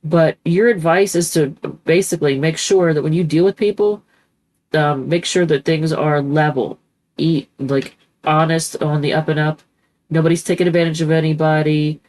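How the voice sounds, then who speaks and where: Over poor audio, a woman with a low, darkish voice keeps a steady tone at a moderate pace, her nose congested from a cold. She's a tarot reader giving a casual reading, meandering, chatting, and correcting herself with many ums.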